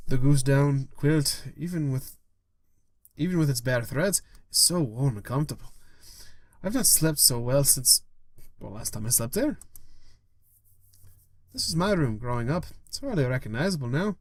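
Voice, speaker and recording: A man reading a story game's text aloud, expressive, with quick asides to viewers. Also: mid-range voice, no room sound. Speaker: gaming YouTuber.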